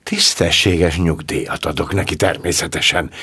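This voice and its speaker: A man's voice: low-pitched, steady tone, pushed and bright, husky, full character voice. A man voicing a breezy young squire. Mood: reassuring. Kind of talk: audiobook character reading.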